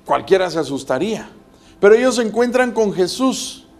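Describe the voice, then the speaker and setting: A man's voice: sits high, big pitch swings, moderate pace, a little hiss or hum. A man preaching a sermon as pastor, building emphasis with rhetorical questions.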